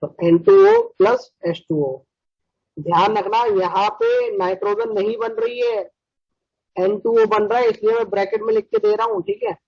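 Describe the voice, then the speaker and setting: Guy teaching chemistry online, high voice, pushy and scolding, dull dry lo-fi sound. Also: big pitch swings, vocal fry, a little mellow, dry recording. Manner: brisk, scolding, mimics students.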